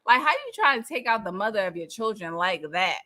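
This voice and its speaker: A woman co-hosting a casual recap chat, animated and laughing often as she reads comments from the live chat aloud. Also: medium pitch, fairly quick. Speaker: co-host of a reality TV recap channel.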